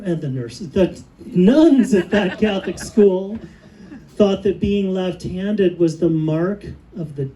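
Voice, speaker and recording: A middle-aged man performing a stand-up comedy set on stage, telling dry stories and pausing for laughs. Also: sits high, dark tone, low-quality recording. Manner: dry storytelling with pauses for laughs. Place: comedy stage with a live audience.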